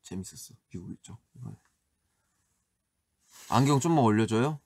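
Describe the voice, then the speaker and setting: Brief: a laid-back man hosting a birthday live stream, quiet and soft-spoken, answering comments between easy laughs. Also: fairly low pitch, expressive, normal speed, no room sound.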